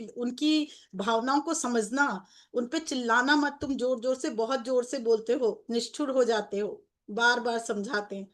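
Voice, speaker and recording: A woman narrating a devotional story in an earnest, repetitive way, with many fillers and restarts as she voices the dialogue. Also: a little high. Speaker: spiritual storyteller.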